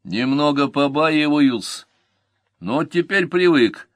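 A man's voice: on the high side, animated, takes it slowly, dry recording, voice pushed up. A man voicing a timid young soldier who answers hesitantly, in an audiobook reading. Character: timid young male slinger, nervous but devoted.

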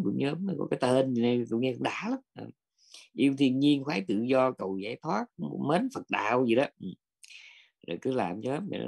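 A man's voice: mid-range voice, gravelly, a little mellow, breathy edge. A male Buddhist monk from gives a blunt, scolding dharma talk and keeps asking his listeners whether they agree.

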